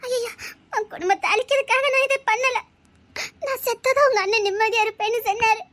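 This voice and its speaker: A woman's voice: extremely high pitch, steady tone, brisk, a bit bright. A woman voicing a heartbroken young woman in a drama, speaking with a Tirunelveli Tamil accent in a tearful, pleading way. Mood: hopeless. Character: heartbroken young woman set on ending her life.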